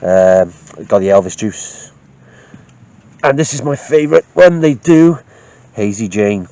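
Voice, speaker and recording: A man's voice: lowish voice, expressive, unhurried, dark tone, dry recording, dull audio. A man with a South Wales Valleys accent chatting casually and jokily to a handheld camera outdoors. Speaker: camper filming an outdoor vlog. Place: outdoors at a woodland campsite.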